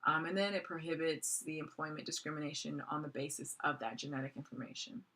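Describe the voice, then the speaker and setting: A woman's voice: low-pitched, steady tone, fast, sharp tone. A woman in her forties giving a recorded course lecture in a conversational way, with many "um" fillers. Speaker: college lecturer.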